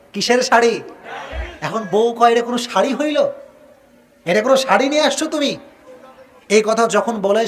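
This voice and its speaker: A man preaching a lively sermon, calling questions out to the audience for them to answer aloud and mixing English phrases into his talk. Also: high-pitched, a little hiss or hum. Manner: mixes English phrases into Bengali. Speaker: Islamic preacher.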